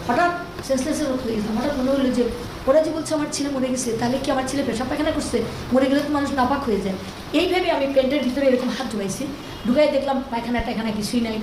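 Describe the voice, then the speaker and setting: An older woman recounting her son's death in an interview, grieving and agitated, her voice rising as she relives it. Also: high-pitched. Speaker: bereaved mother in an interview. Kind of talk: emotional recounting. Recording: echoey room with clear background noise.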